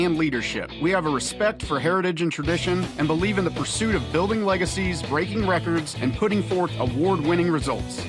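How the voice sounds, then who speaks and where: A man narrates a scripted commercial in a fairly high voice. Clear guitar music plays behind him throughout. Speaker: advertising voice.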